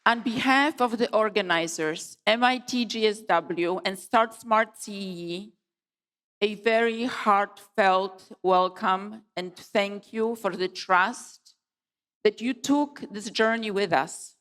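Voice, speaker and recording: A woman's voice: medium pitch, fairly bright tone. Woman giving a speech in a reverberant hall. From Poland. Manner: measured, emphatic delivery with deliberate pauses. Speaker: conference co-founder giving opening speech. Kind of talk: formal opening speech. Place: large conference hall.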